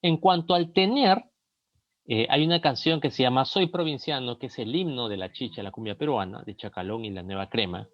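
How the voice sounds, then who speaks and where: A man's voice: mid-range voice, fairly quick, no room sound, dull audio. A man with a Peruvian Spanish accent giving a recorded lesson, explaining each point and reading song lyrics aloud to make it. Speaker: lecturer.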